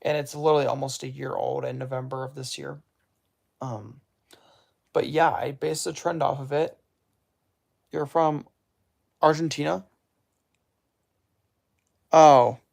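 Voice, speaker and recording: A man's voice: mid-range voice, gravelly, a little mellow. A man hosting a casual livestream, rambling and correcting himself as he reacts to chat. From United States. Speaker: livestream host.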